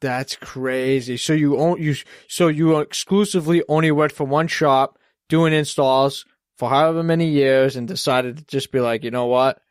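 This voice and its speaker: A man's voice: fairly high pitch, steady tone, normal speed, clean tone, dry recording, studio quality. A man with a Boston accent hosting a podcast, rambling in casual chat and swearing freely. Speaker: podcast host.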